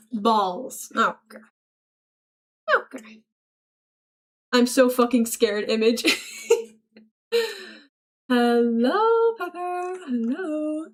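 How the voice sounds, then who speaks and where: A young woman streaming, reading chat aloud and joking back in a playful, mock-serious way. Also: on the high side. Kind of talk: casual livestream chat.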